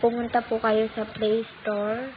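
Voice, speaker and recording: A tutorial channel host, a woman with a Filipino accent, speaks in a somewhat high monotone at a measured pace. She patiently and courteously takes viewers through a phone app step by step, saying "po" many times. Faint noise accompanies the tinny, phone-quality audio.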